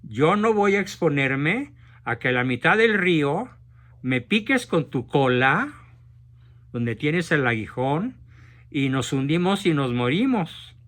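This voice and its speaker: Fable role: man doing a trusting little girl frog, high and pleading. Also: very animated, slow pace, a bit bright, exaggerated voice. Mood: alarmed. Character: naive, trusting female frog.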